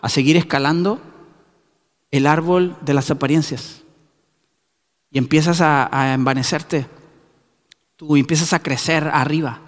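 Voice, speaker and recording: A man's voice: on the high side, fairly even intonation, a little slow, long pauses, long reverb tail. A man preaching a sermon in a church, building up to emphatic repeated calls. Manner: rising to emphatic shouted repetitions.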